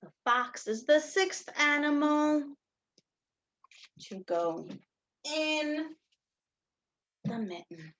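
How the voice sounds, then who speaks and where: Like a teacher, a woman reads a picture book aloud to young children, expressive and treating them as friends, asking questions, adding asides and gasping for effect. Her voice is high-pitched and extremely slow with frequent pauses, and the recording is muffled.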